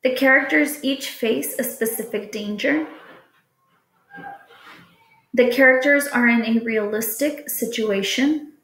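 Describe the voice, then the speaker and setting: A woman with a fairly high, fairly bright voice reads test questions in a very slow, deliberate, instructional way, as a teacher might. The room adds a clear echo.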